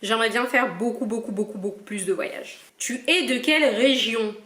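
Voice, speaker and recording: In a casual Q&A vlog recorded in an echoey room, a young woman from Cameroon answers viewers with playful teasing. Her voice is a little high and a bit bright, moving at a moderate pace.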